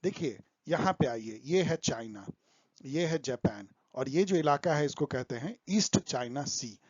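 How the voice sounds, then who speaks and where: A man's voice: medium pitch, animated, measured pace, a little mellow, dry recording, highs cut off. Man teaching current affairs. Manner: explanatory, mixing English terms into Hindi. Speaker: exam tutor. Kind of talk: current affairs lesson over slides.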